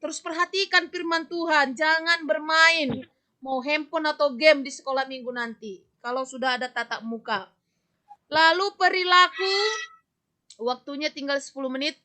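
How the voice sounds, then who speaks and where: A woman teaching a children's religion class over a video call. Her voice sits high and sounds bright, and she talks in a lively, scolding way. Now and then she acts out the children's voices. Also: normal speed. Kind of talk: online class lesson.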